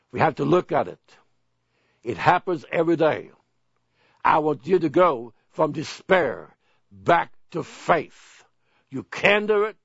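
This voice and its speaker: An older man preaches with earnest, pleading slowness, often repeating his words. His voice sits fairly high for a man. The sound is dull and dry, like an old broadcast recording. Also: creaky, breathy edge, no echo. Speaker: pastor. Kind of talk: sermon.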